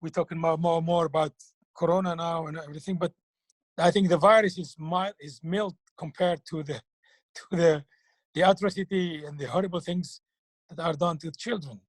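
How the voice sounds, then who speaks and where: Husky man, halting and earnest. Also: fairly high pitch, steady tone, dry recording. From Algeria. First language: French. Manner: earnest, halting, repeats words while searching for them. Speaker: clown and children's TV performer. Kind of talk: interview answers.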